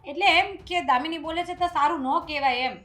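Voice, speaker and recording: A woman's voice: very high voice, fairly quick. A woman playing a meek, hesitant daughter-in-law. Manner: hesitant, soft, placating. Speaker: actor in a short film. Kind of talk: family drama acting.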